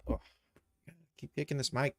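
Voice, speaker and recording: A man who streams, develops games and animates runs a casual live screen-share tutorial, thinking aloud informally as he works. He talks at a moderate pace, and there's no room sound.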